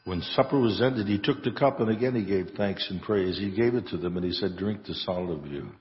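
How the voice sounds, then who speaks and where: A man's voice: sits low, a little fast, slight background noise. A man presiding as priest, reciting the liturgy solemnly in a church with a cathedral echo. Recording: cathedral-like echo, long reverb, muffled sound.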